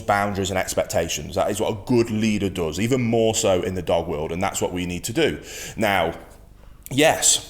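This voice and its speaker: A man teaching as a dog trainer, giving an instructional talk in a firm, emphatic way and repeating his key points. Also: fairly low pitch.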